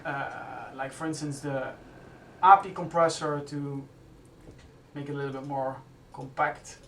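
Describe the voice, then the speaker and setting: A man hosting a live stream from a music studio, explaining his production steps casually as he works and often pausing to restart his sentences. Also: mid-range voice, fairly even intonation, vocal fry, fairly bright tone. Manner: thinks aloud while working, halting with restarts. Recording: roomy studio sound from a distance.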